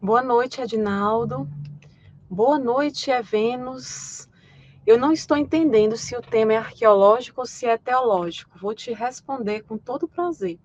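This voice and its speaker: A woman's voice: a little high, unhurried, darkish tone, lo-fi sound. A Brazilian woman hosting a live stream, explaining her points with frequent hesitations and restarts. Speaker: host.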